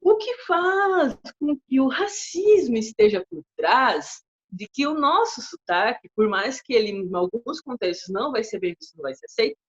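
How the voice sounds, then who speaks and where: A woman in her thirties from southern Brazil, co-hosting a casual chat and telling a story in a chatty, animated way. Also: fairly high pitch. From far west of Santa Catarina, Brazil. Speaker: co-host. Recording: dull lo-fi audio.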